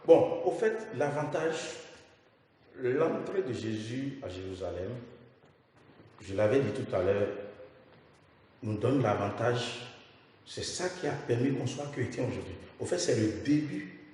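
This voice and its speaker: A man talking as a guest on a religious talk show, lively and quick to repeat the host's words. He sits a little back from the mic, so his voice carries plenty of room echo and a long reverb tail. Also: mid-range voice, recorded from a distance. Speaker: guest speaker on a religious program. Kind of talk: radio talk discussion.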